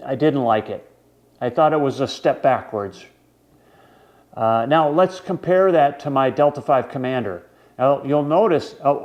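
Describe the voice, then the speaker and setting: Chatting casually as a vlog host, a man explains his gear, occasionally pausing and drawing words out. His voice is medium-pitched, and the recording has its highs cut off.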